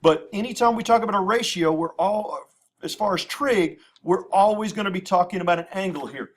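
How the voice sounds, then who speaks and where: A math teacher works through a lesson at the whiteboard, his voice high-pitched and a little fast. He patiently repeats terms and spells out abbreviations for the class.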